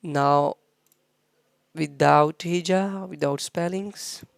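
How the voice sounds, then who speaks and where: Slow, careful Quran teacher drilling syllables. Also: medium pitch, gravelly, no echo. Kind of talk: slow letter-by-letter recitation lesson.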